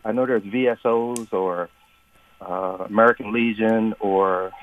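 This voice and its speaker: A man, a retired Marine, calling in over the phone to a radio talk show with a question, talking haltingly with many fillers and restarts. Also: fairly low pitch, fairly even intonation. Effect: heard over the phone. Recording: tinny, distant phone line.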